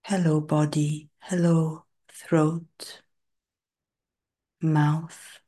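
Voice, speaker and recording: A woman leads a relaxation and breathing session in a low, mellow voice. She speaks very slowly and soothingly, in short phrases with long pauses, and sometimes drops to a soft whisper. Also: level tone. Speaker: meditation guide.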